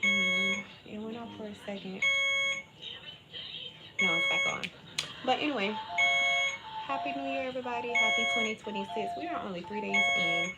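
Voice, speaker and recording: A woman's voice: mid-range voice, normal speed, pauses often, over loud music, low-quality recording. A woman chatting casually and candidly on a livestream from a hospital room, with everyday slang. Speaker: livestream host. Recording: clear beeping alarm noise, hospital room. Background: beeping medical pump alarm.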